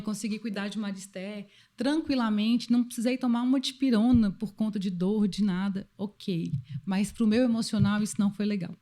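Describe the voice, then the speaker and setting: A woman in her thirties, a podcast guest, telling a personal story in casual chat with an expressive manner. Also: medium pitch.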